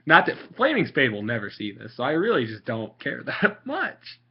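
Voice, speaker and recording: A young Italian vlogger rambles casually about game strategy, sarcastic and mocking, filling his talk with fillers. His pitch swings hugely at a moderate pace. The home recording is muffled and low-fi, with slight background noise.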